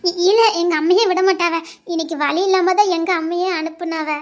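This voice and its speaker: A woman playing a shy, poor young village girl in love, speaking softly with a southern Tamil Nadu accent. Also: very high-pitched, steady tone, fairly quick. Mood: tender. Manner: soft, bashful, pleading. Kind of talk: village romance drama acting.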